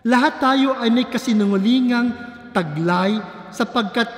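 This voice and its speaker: A male priest preaching a homily in a large church, deliberate and emphatic. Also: very high-pitched. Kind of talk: sermon. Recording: echoey church hall.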